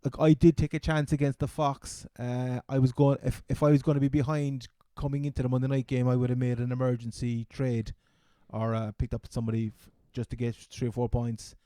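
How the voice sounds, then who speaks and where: Man, Cork Irish accent, mellow dark tone, casual sports chat, halting restarts, close dry sound. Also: medium pitch, flat delivery, no room sound. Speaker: fantasy football podcast co-host.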